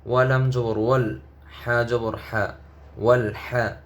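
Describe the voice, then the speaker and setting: A man teaching Quran recitation, spelling out each syllable and repeating it, then chanting whole verses in a higher, drawn-out voice. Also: flat delivery. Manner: slow, syllable-by-syllable drilling, recited verses rising high and drawn out.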